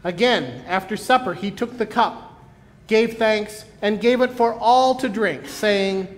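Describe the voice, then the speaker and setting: Slow solemn man with cathedral echo. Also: high-pitched. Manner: measured, solemn recitation. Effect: cathedral echo, long reverb. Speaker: pastor leading communion. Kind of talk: liturgical recitation. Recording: long reverberant sanctuary echo.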